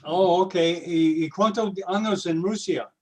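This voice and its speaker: A man hosting a video call, halting and searching for words as he switches languages. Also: high voice, darkish tone, a little hiss or hum. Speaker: host. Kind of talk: casual video call chat.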